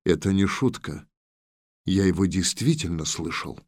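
A man reading the lines of a stern male commander, curt and quiet. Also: low voice, measured pace, dry recording, studio quality, pitched below the performer's own voice. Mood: serious.

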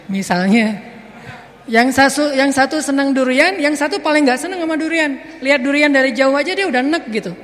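A man preaching a sermon in a relaxed, joking way, acting out little everyday scenes. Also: very high voice. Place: mosque hall. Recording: echoey mosque hall.

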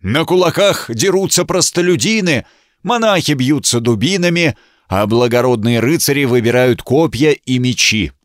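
A man reading a story aloud and voicing a proud, hot-tempered male knight who shouts everything he says. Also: medium pitch, animated, moderate pace, no echo, clean studio sound, voice pushed up, lightly acted. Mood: boastful. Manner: shouting, blustering.

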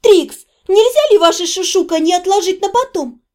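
A woman's voice: very high-pitched, expressive, normal speed, pitched above the performer's own voice. Woman voicing an impatient, spiteful colleague. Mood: irritated. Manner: sharp, irritated.

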